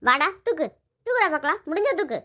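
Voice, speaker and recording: Cartoon role: woman voicing a feisty young maid, very high squeaky voice, scolds then pleads. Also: very animated, fast, pushed and bright, full character voice. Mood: bold. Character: feisty young woman housemaid, bold and quick-tempered. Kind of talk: cartoon voice acting.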